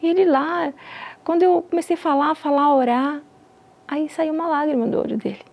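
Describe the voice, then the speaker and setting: Woman, nurse, gives earnest faith testimony; high, gravelly, faint music behind. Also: brisk, darkish tone. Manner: earnest storytelling that acts out quoted dialogue.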